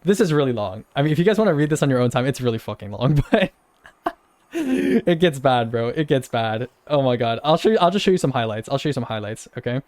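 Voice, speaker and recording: A man's voice: medium pitch, big pitch swings, fast talker, a little mellow, dry recording. A young man telling a long story, rambling and repeating himself with incredulous laughs. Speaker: streamer. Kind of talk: casual storytelling rant.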